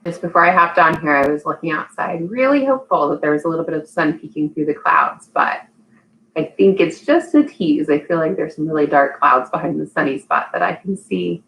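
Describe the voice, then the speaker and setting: Her voice is low, brisk and creaky, with a fairly bright tone, as she hosts a live storytime for little ones. An early childhood teacher, she speaks encouragingly to the children and turns sing-song for activities. The audio is poor, with a little hiss or hum.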